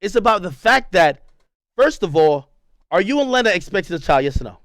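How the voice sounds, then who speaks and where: High-voiced man arguing heatedly. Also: fairly quick, no echo. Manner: animated, interrupting, repeats himself. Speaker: streamer confronting a podcast host. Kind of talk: heated argument.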